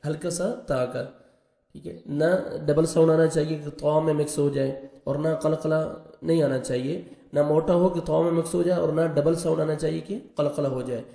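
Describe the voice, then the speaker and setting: A man teaching Quranic recitation, patiently explaining pronunciation rules and chanting verses slowly. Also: a little high, fairly even intonation, creaky, warm tone, reverberant. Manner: patient, repeats letters and rules, slow drawn-out recitation.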